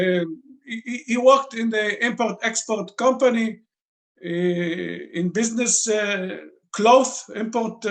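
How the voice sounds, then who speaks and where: A man's voice: high voice, a bit bright. A man in his fifties from Lebanon, speaking English as an interview guest, searching for words and breaking his grammar. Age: 50s. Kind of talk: interview answers.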